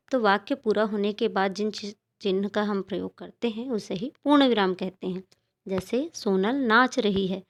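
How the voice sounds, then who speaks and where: A woman teaching a grammar lesson to children, explaining slowly and patiently step by step. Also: mid-range voice.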